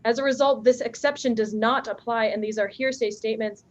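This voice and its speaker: A woman's voice: fairly high pitch, fairly even intonation, fairly quick, dull audio. A young woman trial advocate making a firm, argumentative legal objection in a formal courtroom, with a few restarts, heard through a courtroom recording.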